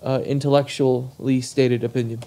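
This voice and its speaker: A man's voice: mid-range voice, little pitch movement, normal speed, warm tone. A young man hosting a casual comedic podcast, joking in mock-formal phrases and swearing casually. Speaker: podcast host.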